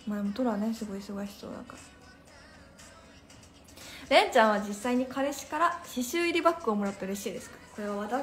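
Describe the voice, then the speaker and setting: A woman's voice: on the high side, fast talker, reverberant, soft background music. A young woman hosting a phone live stream, chatting casually with viewers, reading out their comments and laughing often. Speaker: Instagram live host.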